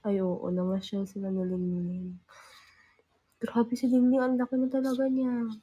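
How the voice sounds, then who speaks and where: A woman's voice: medium pitch, monotone, normal speed, slightly rough. Sick teen girl chatting on a live stream. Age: teens. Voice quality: loudness rises and falls. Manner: playful, teasing, giggly. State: sick with a cough. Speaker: livestream host. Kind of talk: casual live chat with fans.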